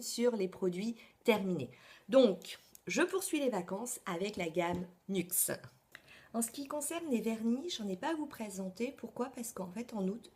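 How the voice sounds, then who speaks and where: A woman's voice: on the low side, darkish tone. Chatty woman vlogger. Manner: chatty, many hesitations and asides. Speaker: beauty vlogger. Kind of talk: casual beauty favorites vlog.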